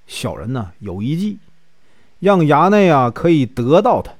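A man with a Northeastern Mandarin accent voicing a sly, scheming male servant who flatters his young master. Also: fairly high pitch, measured pace, no room sound, clean studio sound, full character voice.

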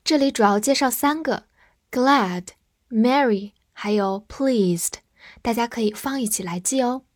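A woman's voice: a little high, no echo, clean studio sound. Cheerful woman teaching English words. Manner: spells words letter by letter and reads example sentences slowly. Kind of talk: vocabulary lesson.

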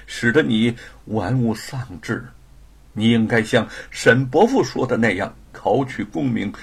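A man voicing a gentle, self-blaming young wife who pleads through tears in a gravelly, husky voice. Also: heavily acted. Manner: pleading, sobbing high tones.

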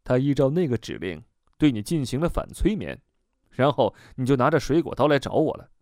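A calm woman hypnotist who speaks low, measured and sure of herself, as a man narrating a storybook puts her on. The read swings freely in pitch, and the close recording is dry with no room sound. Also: dry recording, natural voice. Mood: steady.

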